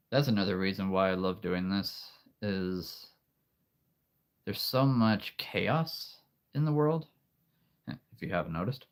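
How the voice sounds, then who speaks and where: A livestream host chats casually in a very deep, unhurried voice, soothing like a storyteller. He rambles calmly, often restarting with soft laughs, and clears his throat slightly from allergies.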